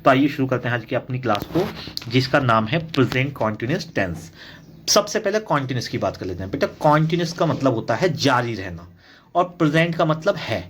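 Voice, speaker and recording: Indian man teaching a grammar lesson. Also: a little high. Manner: explains patiently, repeats example sentences, calls students "beta". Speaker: English teacher.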